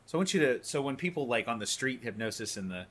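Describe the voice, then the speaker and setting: A man's voice: medium pitch, lively intonation, quick pace, a bit bright, slight background noise. A man teaching a hypnosis course in a conversational, emphatic way, sometimes repeating words as he explains. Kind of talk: course lecture.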